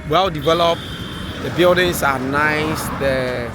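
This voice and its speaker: Male travel vlogger, Ghanaian accent, informal chat to camera with clear background music. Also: fairly high pitch, slow. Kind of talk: casual vlog chat to viewers.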